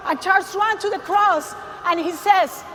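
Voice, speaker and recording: Very high-pitched Costa Rican woman, emphatic. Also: normal speed, sharp tone, a little hiss or hum. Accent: Costa Rican Spanish. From Costa Rica. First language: Spanish. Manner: emphatic, calls out to the crowd. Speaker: speaker giving a testimony. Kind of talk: faith testimony to a large audience. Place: large arena stage. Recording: long hall reverb, faint ambience.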